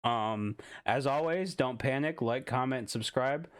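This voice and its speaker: A man's voice: mid-range voice, a little slow, clean tone, no echo. A young man hosting a casual podcast, goofy and laughing often, swearing freely as he wraps up the episode. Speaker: podcast host.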